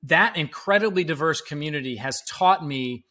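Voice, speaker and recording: Middle-aged man guest, slightly high voice, breaks things down like a teacher. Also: lively intonation, moderate pace, sharp tone. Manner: explanatory, breaks ideas into steps like a teacher. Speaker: guest, education entrepreneur. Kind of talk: podcast interview answers.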